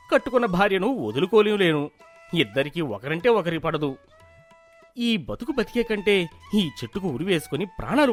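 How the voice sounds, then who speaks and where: Guy voicing a frazzled farmer husband, high voice all over the place, pleading, cartoon. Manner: pleading, exasperated, frightened. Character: distressed young farmer husband, weary and timid. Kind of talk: cartoon voice acting.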